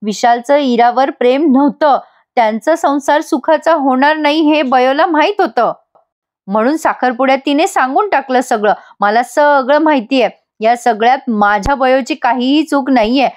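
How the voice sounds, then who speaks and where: A woman's voice: sits high, moderate pace, close to an everyday voice. A woman voicing an outspoken woman who lectures and scolds her sister-in-law, as a dramatic reading of serial dialogue. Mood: reproachful. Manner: reproachful, lecturing.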